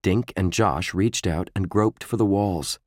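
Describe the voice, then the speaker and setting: A man narrating a children's chapter book in a slow, expressive reading. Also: sits low, dry recording, studio quality. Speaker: audiobook narrator. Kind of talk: storybook narration.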